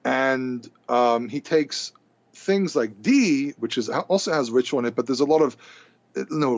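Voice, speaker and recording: Recorded dry and lo-fi, a mid-range male voice belongs to a native Hebrew speaker appearing as a podcast guest. He tells a casual story with animation, often stumbling and repeating himself.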